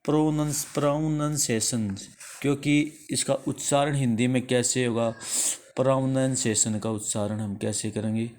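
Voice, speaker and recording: A man with an Indian accent teaching the English alphabet in a slow, repetitive lesson, asking a question and then answering it himself. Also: mid-range voice, steady tone, a little mellow, slight background noise. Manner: slow, repeats each answer after asking it.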